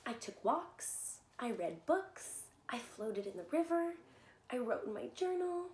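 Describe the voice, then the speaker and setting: A woman with a fairly high voice reads a story aloud for little kids. Her delivery is animated and expressive, as if speaking straight to a young audience. The room is clearly echoey, with slight noise behind her. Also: a little slow. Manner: animated, addresses listeners with simple questions. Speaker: children's story reader and soccer coach. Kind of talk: expressive read-aloud of a picture book with asides to young children.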